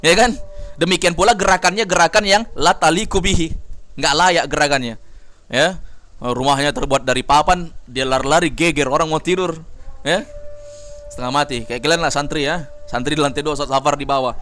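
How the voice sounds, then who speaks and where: A man's voice: a little high, fairly even intonation, a little fast, fairly bright tone, faint music behind. A man from Indonesia teaching Arabic grammar in a classroom lesson, explaining terms and quizzing his students. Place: study hall with students.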